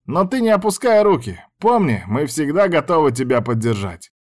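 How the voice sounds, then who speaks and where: A man voicing a loud, excitable young man in an audiobook, shouting in a high, boisterous voice. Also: normal speed. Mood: encouraging.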